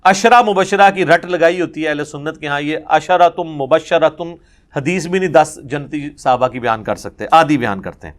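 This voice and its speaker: A man giving a religious lecture, telling narrations in an animated way and acting out the quoted speech. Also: on the high side. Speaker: religious scholar.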